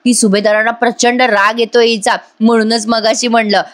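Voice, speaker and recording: A chatty young woman with a Marathi accent, retelling a TV serial episode and turning to her viewers. Her voice sits a little high for a woman. She keeps a steady, conversational flow. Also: normal speed. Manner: chatty, addresses viewers directly. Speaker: serial review narrator.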